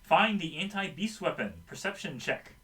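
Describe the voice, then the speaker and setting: A man reading a board game's story text aloud to his group, animated and quick to laugh at his own slips. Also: high-pitched, distant mic, rough recording. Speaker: story reader for a board game.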